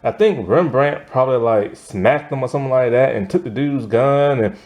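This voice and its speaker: A man's voice: mid-range voice, moderate pace, a little mellow. A young man casually recapping a TV episode in a loose, slangy, exasperated way, full of fillers and restarts. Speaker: TV episode reviewer.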